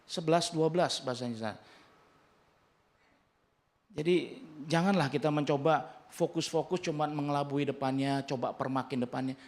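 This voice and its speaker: A man's voice: on the high side, normal speed, long pauses, darkish tone. A male pastor with an Indonesian accent, preaching a sermon in a conversational, humorous way and acting out the dialogue he quotes.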